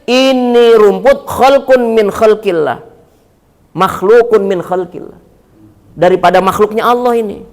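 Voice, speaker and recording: A sorrowful old saint speaks slowly and softly, as a preacher acts him out. The voice stays high for a man and grave in tone. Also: in a large hall. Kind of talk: acted quote within a sermon.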